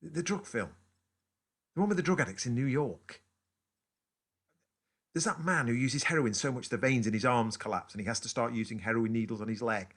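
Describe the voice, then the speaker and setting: A man's voice: medium pitch, fairly quick, pauses often, fairly bright tone. An actor playing a man with a London accent who tells his partner a story in a rambling, distracted way in a naturalistic stage drama. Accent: London English. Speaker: actor in a two-hander play.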